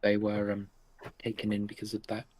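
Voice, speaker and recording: A man playing a tabletop role-playing game, improvising dialogue in a halting, hesitant way. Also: on the low side, monotone, darkish tone, slight background noise.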